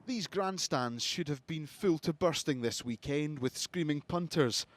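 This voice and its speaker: A man's voice: on the high side, animated, a little slow, dry recording. A man delivering a broadcast news report as a reporter.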